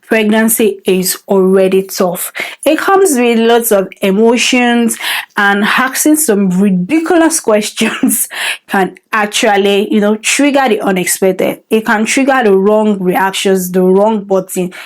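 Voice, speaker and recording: Woman, vlogger, emphatic, expressive, playful scolding. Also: mid-range voice, unhurried. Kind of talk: direct-to-camera advice vlog.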